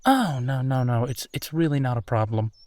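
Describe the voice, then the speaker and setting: Clean studio audio with no echo captures a slightly mellow, mid-range male voice at normal speed, close to ordinary speech. He performs as an amiable, relaxed werewolf in a roleplay audio drama, talking one-sidedly in a casual, comforting way and hesitating now and then.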